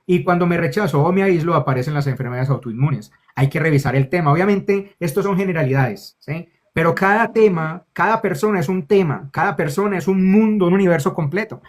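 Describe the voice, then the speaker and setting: A man with a Colombian Spanish accent and a somewhat high voice speaks briskly, with few pauses, as an interview guest and spiritual guide explaining his ideas. He's affectionate, keeps checking in with "ok?", and calls the listener lovely.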